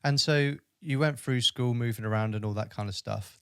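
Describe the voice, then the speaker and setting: A man's voice: mid-range voice, moderate pace, a bit bright, clean tone, no room sound. A man hosting a podcast interview from his home studio, upbeat and chatty. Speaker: podcast host. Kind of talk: casual interview. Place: home studio in a new flat.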